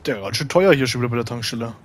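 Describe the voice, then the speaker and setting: A man's voice: medium pitch, expressive, racing, slight background noise. A man in casual gaming chat, teasing his friends and calling out where enemies are, on a headset mic. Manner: teasing, calls out enemy positions. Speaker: gaming squad member.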